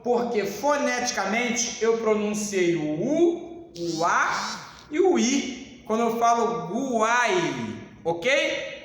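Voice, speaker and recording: A man teaching a grammar lesson to a class, speaking emphatically and addressing the students formally. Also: very high-pitched. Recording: echoey hall with long reverb.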